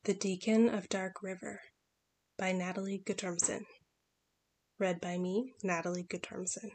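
A woman's voice: medium pitch, flat delivery, darkish tone, low-quality recording. Woman reading her folktale aloud. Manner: clear, measured storytelling. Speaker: podcast host and storyteller.

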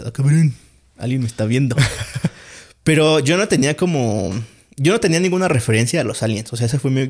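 Slangy Mexican man telling a story. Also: mid-range voice. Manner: rambling and slangy, full of fillers. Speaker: podcast guest. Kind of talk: casual storytelling chat.

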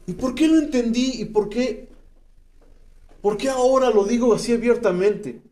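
A Mexican-accented speaker at a rehab center preaches his testimony, emphatic and full of slang, reading scripture aloud and explaining it. He talks at a moderate pace in a high voice that sounds mellow and warm, never sharp.

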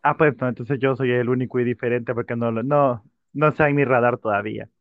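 A man's voice: mid-range voice, steady tone, brisk, dry recording, narrow, tinny audio. A man co-hosting a casual podcast, teasing his partner with short remarks. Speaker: podcast co-host. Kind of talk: casual chat.

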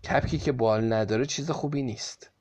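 A man's voice: medium pitch, a little mellow, lo-fi sound, close to an everyday voice. A man voicing a greedy peasant wife who muses slyly to herself, in a storybook reading. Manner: musing to herself. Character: greedy peasant wife, sly and self-justifying.

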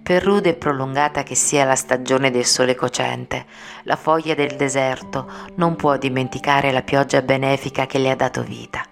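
A frail, gentle young woman in an audiobook speaks softly with quiet, resigned tenderness, as a woman narrator reads her part. The voice is low and slightly gravelly. Music plays clearly behind her. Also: fairly even intonation. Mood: tender, resigned. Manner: soft, slow, tender speech.

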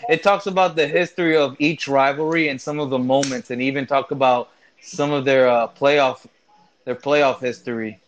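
A man in casual chat who talks haltingly, restarting phrases and filling pauses with "uh". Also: mid-range voice, fairly even intonation, dull audio.

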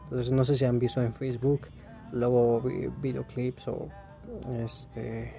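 A man's voice: medium pitch, level tone, a little slow, creaky, warm tone, faint music behind. A man with a Mexican accent, talking casually and rambling in a laid-back, slangy way to his listeners. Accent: Mexican Spanish. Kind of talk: casual monologue.

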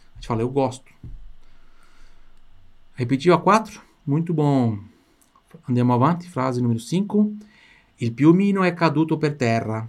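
A Portuguese-speaking man teaching an Italian lesson, stretching words out slowly for pronunciation and then chatting quickly in between. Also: mid-range voice. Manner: slow, drawn-out pronunciation drills between quick asides. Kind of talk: language lesson.

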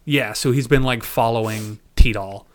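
A man with a mid-range voice, speaking a little slowly, co-hosts a podcast. He chats casually about an anime and laughs often.

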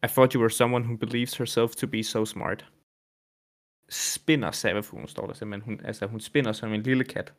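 A man's voice: mid-range voice, few pauses. Casual podcast man reading lore. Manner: reads quotes flatly, chats with fillers and swearing. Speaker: podcast co-host reading game lore aloud.

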